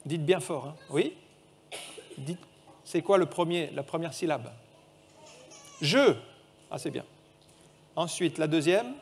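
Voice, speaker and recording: A man's voice: on the high side, a little slow, long pauses, slightly rough. A man preaching a sermon in a church, reading scripture aloud and quizzing the children with a picture puzzle.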